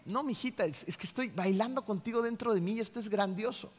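This is a gentle cop dad who talks softly and tenderly to his little daughter, as a pastor acts him out in a sermon. The voice sits a little high for a man, and a long church reverb trails every line. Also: fast. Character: gentle, doting father, a police officer.

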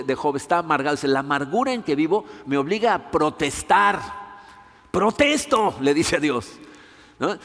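A man preaching a sermon as a pastor, conversational and often asking his listeners rhetorical questions. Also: fairly high pitch. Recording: long hall reverb.

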